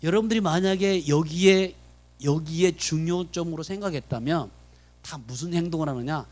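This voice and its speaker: A man's voice: a little high, normal speed, a little mellow. A man preaching a sermon as pastor at a Friday prayer meeting in a church, often putting questions to the congregation. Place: church sanctuary.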